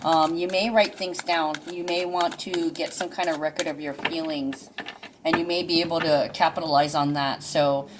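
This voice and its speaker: Low-voiced woman rambling through astrology. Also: fairly even intonation, moderate pace, noisy background. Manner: rambling with many fillers and restarts; chuckles now and then. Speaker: intuitive astrology reader. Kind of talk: casual monologue.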